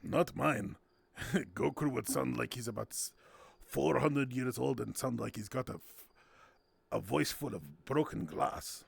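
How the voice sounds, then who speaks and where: A man's voice: medium pitch, lively intonation, measured pace, gravelly, slightly rough. A man hosting a casual game night on his stream, playful and giggly, tossing in silly sound words. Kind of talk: casual gameplay commentary.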